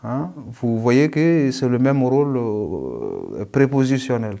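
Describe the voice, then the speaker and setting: A man teaching a language lesson in a patient, explanatory way, often pausing on "euh" and adding "hein" to check in. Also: medium pitch, very animated, creaky, warm tone. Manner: frequent hesitations and tag "hein"; patient, repeats key points.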